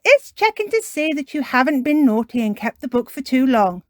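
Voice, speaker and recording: A woman's voice: high voice, sing-song, moderate pace, dry recording, studio quality, voice pushed up. A woman voicing a mild, slightly pompous father pig who explains things patiently in a children's storybook. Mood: gently instructive.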